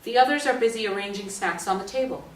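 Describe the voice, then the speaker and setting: A woman with a mid-range voice reads stage directions fast, serving as narrator for a staged play reading. The mic is placed at a distance on an indoor stage, giving a roomy recording with faint noise.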